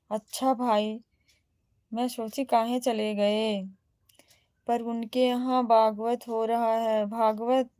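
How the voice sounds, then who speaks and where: A woman's voice: mid-range voice, mellow, no room sound, clean studio sound. A woman with an Awadhi accent, chatting casually on a livestream as she reads out and answers viewer comments one by one. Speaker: live streamer reading viewer comments.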